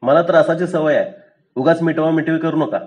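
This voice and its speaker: A man's voice: fairly high pitch, a little fast, a little mellow, lo-fi sound, pitched above the performer's own voice, close to an everyday voice. A man doing a stubborn rustic milkman. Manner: rustic, dogged, self-righteous. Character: stubborn poor village milkman, middle-aged man.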